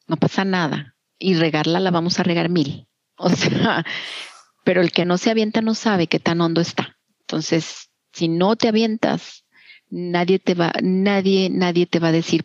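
Mexican woman guest, middle-aged, lowish voice, candid and encouraging, kinda muffled. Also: darkish tone, no room sound. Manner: candid, encouraging, many fillers. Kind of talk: casual interview.

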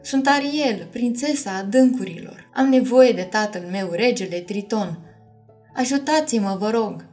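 A woman's voice: mid-range voice, expressive, darkish tone, faint music behind, close to an everyday voice. A woman reading a storybook aloud and voicing Ariel, an emotive, caring young mermaid princess. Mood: tender.

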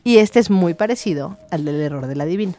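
A woman talks through ideas as a co-host, leaning on everyday examples. She restarts her sentences often and fills pauses as she thinks. Soft music plays faintly under her voice. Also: fairly low pitch, animated. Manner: explains with examples, many fillers and restarts. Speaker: therapist co-host. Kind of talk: casual explanatory chat.

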